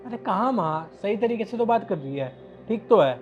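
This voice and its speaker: A man's voice: high voice, lively intonation, moderate pace, lo-fi sound, soft background music. A man playing a son who brushes off his parents and sides with his wife in a family skit. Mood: dismissive. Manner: offhand, dismissive.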